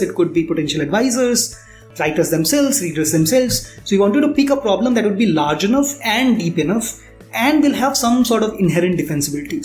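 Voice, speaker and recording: In conversational interview answers, an Indian man who founded a startup explains things as a guest. His voice is high and slightly mellow. The space is roomy, so there's echo, and faint music plays in the background.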